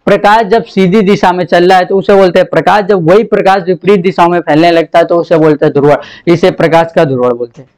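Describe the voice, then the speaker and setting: A man's voice: sits high, quick pace, hardly any pauses, darkish tone. A male science teacher giving a jokey classroom lecture, repeating questions to students and calling for their attention. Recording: noisy classroom crowd. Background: students talking and laughing.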